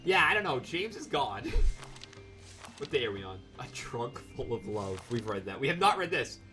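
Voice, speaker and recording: Excitable, profane game streamer man. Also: medium pitch, moderate pace, soft background music. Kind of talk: let's play commentary.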